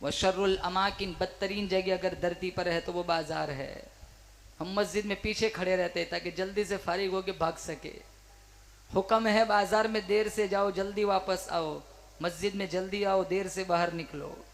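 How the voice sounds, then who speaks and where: A man's voice: high voice, fairly even intonation, moderate pace. A male preacher giving a fervent sermon, rousing the listeners and calling on them to answer back. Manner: fervent, rousing, calls for crowd responses.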